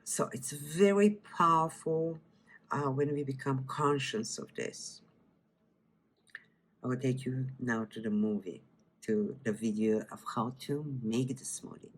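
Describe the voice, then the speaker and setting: A woman from Bulgaria with a Bulgarian accent, a wellness teacher leading a guided breathing meditation and then a cooking demo, speaking softly and often trailing into whispers. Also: extremely low pitch, a little hiss or hum. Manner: slow, soft-spoken, drifting into whispers.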